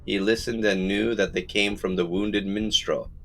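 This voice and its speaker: A man narrating a folktale audiobook in a measured storytelling manner. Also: on the low side, fairly even intonation, a bit bright, soft background music. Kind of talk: scripted narration.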